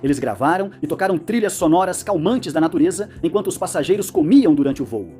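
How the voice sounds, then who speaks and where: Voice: medium pitch, expressive, fast talker, warm tone, soft background music. A narrator reading a scripted educational explainer, with playful asides.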